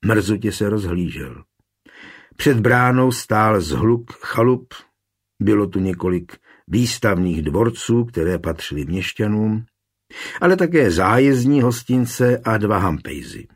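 A man with a low, husky voice narrates a historical story at a measured, even pace. His breathy tone stays calm throughout. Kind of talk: audiobook narration.

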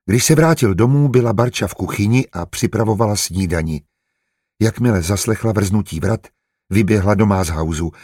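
A man with a husky voice reading an audiobook in steady, even scripted narration. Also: fairly low pitch, dry recording, clean studio sound.

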